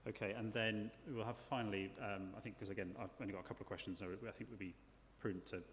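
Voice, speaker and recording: A man's voice: on the low side, fairly even intonation, fast talker. A man chairing a formal public hearing, putting questions in a hesitant, repetitive way. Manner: hesitant, often repeating words as he phrases questions. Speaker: planning inspector chairing an inquiry. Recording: echoey hall with clear background noise.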